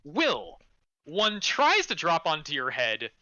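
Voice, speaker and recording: An animated man runs a tabletop game as game master, improvising his narration with amusement. His voice is very forceful and swings lively in pitch. The mic is dry and slightly band-limited. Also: slow pace, no echo, highs cut off.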